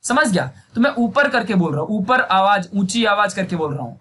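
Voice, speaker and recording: In a Hindi video lesson on physics, a young male teacher keeps a chatty tone and often checks understanding with phrases like "samajh gaya?". He speaks briskly and expressively in a high, fairly bright voice, over faint background noise.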